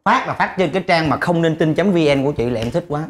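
A woman's voice: deep voice, animated, quick pace. A woman playing a clumsy, eager-to-please wannabe rapper in a stage comedy sketch, stammering and fawning. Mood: pleading.

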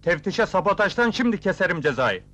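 A man's voice: sits high, big pitch swings, fairly quick, pushed and bright, exaggerated voice. An actor playing a good-hearted, clumsy young man in a comedy film, cheeky and flustered by turns. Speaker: young odd-job man. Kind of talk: 1970s Turkish comedy film acting.

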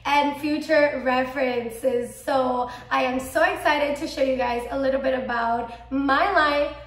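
This is a high-sitting, steady-toned voice, a little slow, in an echoey room. It belongs to a Cuban-American-accented medical student and vlogger, 24, from Miami, Florida, who chats to camera at home in a small room. She's enthusiastic, bubbly and gestures a lot.

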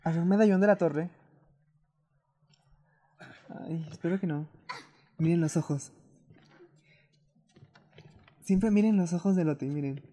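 A man's voice: a little high, normal speed, long pauses, mellow. A man with a Latin American Spanish accent giving casual, hesitant, self-doubting commentary as he streams a video game.

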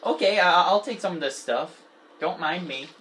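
A gaming channel host giving excitable, chatty, playful gameplay commentary. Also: medium pitch, moderate pace, slight background noise.

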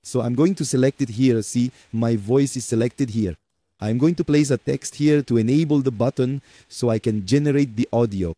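In a screen-recorded software tutorial, a man with a Portuguese accent chats to viewers, calling them folks and saying "okay" and "right" a lot. His mid-range voice moves at a moderate pace, and there's no room sound.

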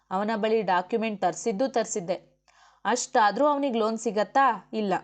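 A woman's voice: mid-range voice, highs cut off, close to an everyday voice. A woman reading the part of an outspoken young woman officer and wife, firm and argumentative. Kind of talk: audiobook character voice.

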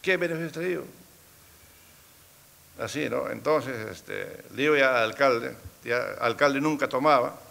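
Man, middle-aged, gravelly, bright tone, recounting a story. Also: medium pitch, a little slow. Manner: storytelling, quoting others, repeats words. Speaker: community road committee president. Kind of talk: casual spoken recollection.

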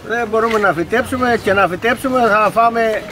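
Older Cretan man, high voice, market bustle. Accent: Cretan Greek. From Crete, Greece. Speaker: market shopper. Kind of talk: casual interview answers. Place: outdoor clothing market stalls. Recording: busy outdoor market crowd noise.

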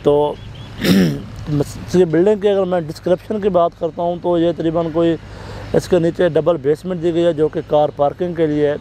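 A man's voice: fairly high pitch, fairly even intonation, normal speed, warm tone, a little hiss or hum, poor audio. A man in his thirties with a Pakistani Urdu accent, a real estate agent steadily explaining a project's prices and figures, seated outdoors on a park bench. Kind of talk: informational property walkthrough.

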